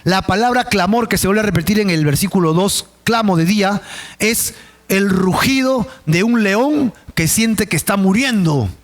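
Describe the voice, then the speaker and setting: High-voiced pastor preaching. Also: male voice, lively intonation, normal speed. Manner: dramatic, vivid storytelling. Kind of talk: Bible study sermon.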